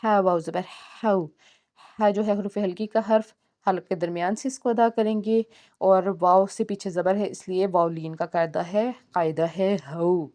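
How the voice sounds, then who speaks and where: A woman's voice: medium pitch, steady tone, mellow. A woman teaching Quran recitation rules, spelling out each letter and vowel syllable by syllable. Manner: slow measured syllable-by-syllable spelling. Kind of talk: spelling-out tajweed lesson.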